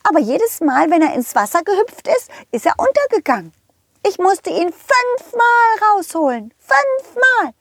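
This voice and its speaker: A woman's voice: unhurried, dry recording, full character voice. A woman voicing a playful, teasing female pink horse in a children's audio story. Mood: chatty. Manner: teasing, giggly, high and excited.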